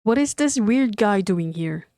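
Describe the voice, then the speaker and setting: A woman reading the lines of a blunt, upset young woman, in a smooth, slow voice. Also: mid-range voice, animated, dark tone, dry recording, studio quality.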